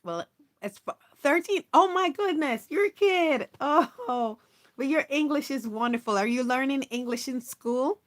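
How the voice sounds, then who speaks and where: An adult woman, no longer young, hosts a casual livestream, reading viewers' messages aloud and chatting with them. Her voice is high and animated, and she keeps a measured pace. She comes across as warm, encouraging and upbeat, laughing as she talks.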